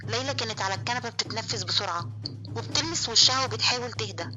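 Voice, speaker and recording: Egyptian woman narrator for horror audio, rapid and sharp-toned, slightly high, soft music bed. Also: muffled recording. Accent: Egyptian Arabic. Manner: suspenseful, vivid. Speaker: storyteller. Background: faint music.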